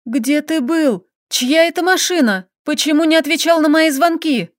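A woman's voice: sits high, moderate pace, darkish tone, no room sound, studio quality, lightly acted. A woman voicing a tearful, defensive young wife in a storybook reading, rising and pleading. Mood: accusing.

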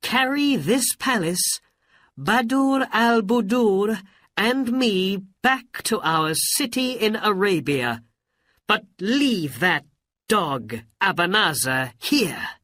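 Bold young hero, read by a man, firm commands, animated tone. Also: sits high, takes it slowly, no room sound, clean studio sound, voice pushed up, full character voice. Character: brave young male hero with a sword.

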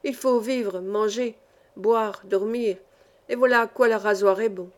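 A woman reader voicing a chatty grown man, a small-town barber who teaches music, talking in a lively, boastful way. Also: mid-range voice, lightly acted. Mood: enthusiastic. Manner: lively, boastful, quick to praise.

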